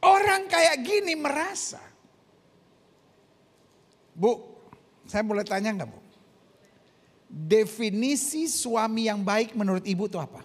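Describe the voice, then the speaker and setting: A man preaching a sermon, animated, questioning the congregation and acting out voices. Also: high-pitched, takes it slowly, long pauses, long reverb tail. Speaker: pastor.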